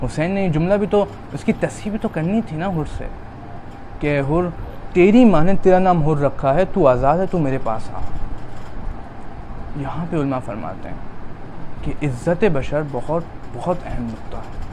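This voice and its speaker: Preacher in a rising lament. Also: male voice, a little high, noisy background. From Pakistan. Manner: recounts dialogue and rises to a loud, drawn-out lament. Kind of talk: Muharram majlis sermon.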